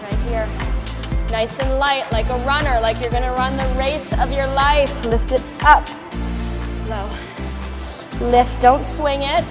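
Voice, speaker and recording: High-voiced woman giving rousing workout pep talk. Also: steady tone, measured pace, in a large hall. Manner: rousing, pushing counts and short commands while exercising. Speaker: fitness instructor leading a workout. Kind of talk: motivational pep-talk coaching during exercise. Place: large bright loft studio, indoors. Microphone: body-worn wireless mic. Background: music.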